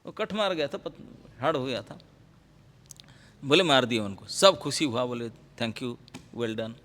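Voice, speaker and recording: A man's voice: mid-range voice, expressive, slow pace, fairly bright tone. A man, a monk preacher, telling a story in a sermon, acting out the people he quotes and mixing English words into his Hindi. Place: temple hall. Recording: echoey hall with long reverb.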